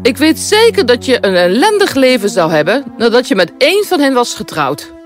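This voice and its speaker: A woman's voice: a little high, big pitch swings, brisk, faint music behind. An actress playing a possessive, haughty queen mother in a storybook tale, stately and disapproving. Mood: mock pity. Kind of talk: storybook voice acting.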